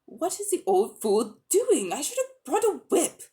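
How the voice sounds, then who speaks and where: A woman's voice: high-pitched, wildly swooping pitch, measured pace, mellow, voice pushed up, heavily acted. A woman voicing a haughty, scornful witch queen who commands with contempt in a dramatic storybook reading. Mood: impatient.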